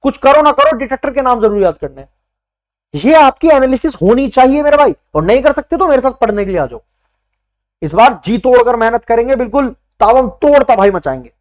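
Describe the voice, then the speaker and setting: A man's voice: very high-pitched, expressive, a little fast. A young man teaching an exam-prep class in casual spoken style, repeating key points emphatically and calling students brother. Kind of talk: informal coaching lecture.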